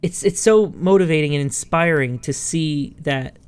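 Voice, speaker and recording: A man in his thirties talking casually on a podcast mic. He speaks in halting bursts and often restarts and repeats words. His remarks are self-deprecating. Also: on the high side, clean tone. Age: 30s. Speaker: podcast co-host. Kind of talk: casual chat.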